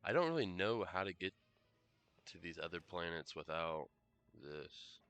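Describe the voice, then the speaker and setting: Low gravelly man rambling over a game. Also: lively intonation, measured pace, a bit bright. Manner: rambling and hesitant, many fillers and self-corrections. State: coughing, clearing throat. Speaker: game streamer. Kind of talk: casual live commentary while gaming.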